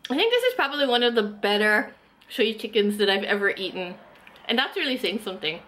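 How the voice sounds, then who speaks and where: Very animated and a little fast, a woman in her thirties with a medium-pitched, slightly bright voice tastes and reviews food indoors. The food vlogger chats enthusiastically at a table in a small room, dropping plenty of casual fillers.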